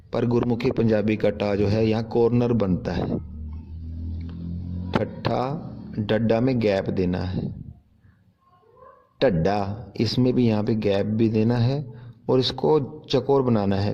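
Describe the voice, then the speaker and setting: A man's voice: medium pitch, dark tone, muffled recording. A man teaching how to write letters step by step, carefully pointing out common mistakes and repeating corrections. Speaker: Punjabi writing teacher. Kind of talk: step-by-step handwriting lesson.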